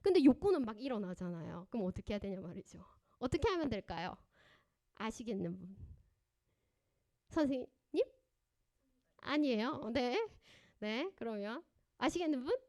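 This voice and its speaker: A woman counselor giving a parenting seminar at a church, animated and often quizzing her audience with questions. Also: on the high side, moderate pace, pauses often. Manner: acts out parents and children in lively voices.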